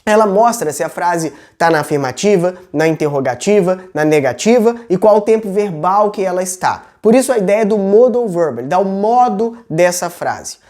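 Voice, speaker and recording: A woman's voice: lowish voice, animated, normal speed, hardly any pauses, dark tone. A woman with a Brazilian Portuguese accent teaching English in a video lesson. She explains patiently and keeps checking in with the viewer.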